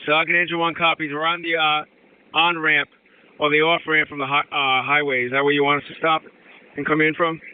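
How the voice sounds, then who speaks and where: A man's voice: a little high, flat delivery, a little fast, slight background noise. A man working as a firefighter, talking over a two-way radio. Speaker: firefighter on responding apparatus. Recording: muffled narrowband radio from vehicle.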